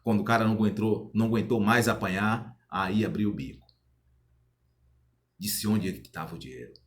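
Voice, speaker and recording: A man's voice: on the low side, a little fast. A man telling a folk tale aloud, rambling and repeating himself as he goes. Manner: rambling, repetitive, restarts words. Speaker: storyteller. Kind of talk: oral folk tale storytelling.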